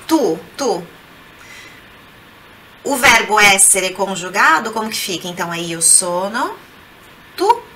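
Bright-voiced Brazilian woman teaching Italian. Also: mid-range voice, a little hiss or hum. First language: Portuguese. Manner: explains pronunciation slowly, repeats words, coaxing asides. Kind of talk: language lesson.

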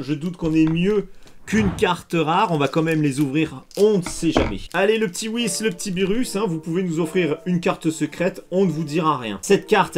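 A man chatting excitedly to his viewers while opening trading card packs on camera. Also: on the high side. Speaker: card unboxing youtuber. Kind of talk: casual unboxing commentary.

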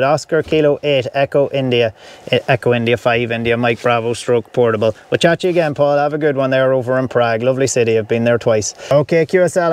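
A man's voice: mid-range voice, smooth. A man with an Irish accent, chatting on the air as a ham radio operator from his camper van, upbeat and friendly, spelling out call signs phonetically. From Ireland. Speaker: amateur radio operator on a field activation. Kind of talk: casual on-air radio chat.

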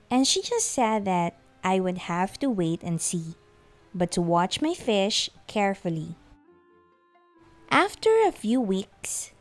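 Slow, expressive woman reading a kids' story. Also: mid-range voice. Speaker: children's story reader. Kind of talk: reading a picture book aloud.

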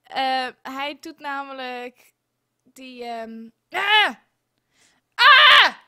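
A young woman live-streaming a game, exasperated and swearing, with loud outbursts and a sore throat. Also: high-pitched, sing-song, a little slow.

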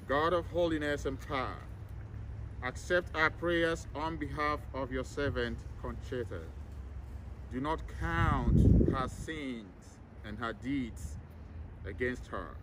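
A man leading a solemn graveside prayer as a priest, reciting in a measured, formal way outdoors. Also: mid-range voice. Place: outdoors in an open cemetery. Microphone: camera several meters away, speaker masked. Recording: outdoor recording with clear background noise.

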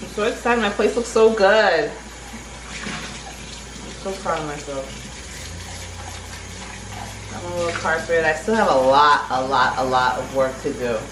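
Speaking low and unhurried, pausing often, a young woman with a somewhat bright voice vlogs casually in her apartment, moving between kitchen and living room. She rambles and self-corrects, recorded by a camera mic from a few feet away in an echoey space with faint room noise.

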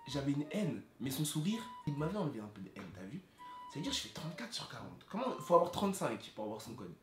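A young man vlogging, telling his story with animated, dramatic, slangy delivery. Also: mid-range voice, quick pace. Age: young adult. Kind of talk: storytelling vlog. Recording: roomy echo with music behind.

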